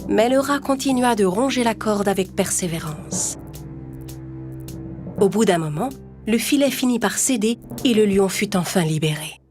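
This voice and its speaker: A woman with a slightly low voice for a woman narrates a scripted animated fable for children at normal speed. Music is clearly audible beneath her voice.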